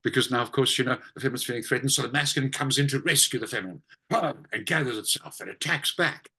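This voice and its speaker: A man who teaches spiritual practice tells a personal story in conversation. His voice is bright and ringing at a middling pitch. He tells the anecdote with vivid, expressive emphasis. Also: fast, breathy edge, rough recording.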